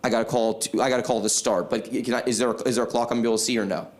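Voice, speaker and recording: A man hosting a live trivia game show on an event stage, upbeat and explaining the rules clearly. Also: mid-range voice, fairly even intonation, very fast, echoey room.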